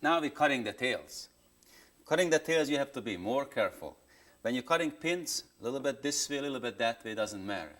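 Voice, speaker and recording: A man's voice: mid-range voice, lively intonation, a little fast, a bit bright. A man patiently demonstrating woodworking step by step, speaking plain English with non-native phrasing, heard from a worn videotape copy. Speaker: woodworking instructor.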